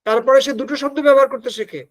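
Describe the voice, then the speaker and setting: A man's voice: extremely high pitch, fairly even intonation, rapid-fire. A male teacher giving an exam-prep lecture, explaining step by step, dropping in English terms and checking that his students follow.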